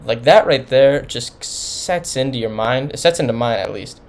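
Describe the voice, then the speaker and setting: A man's voice: mid-range voice, moderate pace. Casual man rambling through an album review. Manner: rambling, informal, many restarts. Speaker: music reviewer.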